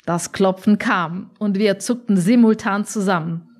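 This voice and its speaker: A woman reading a story aloud with expressive, dryly humorous narration. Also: medium pitch, measured pace, slight background noise. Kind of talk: scripted audiobook narration.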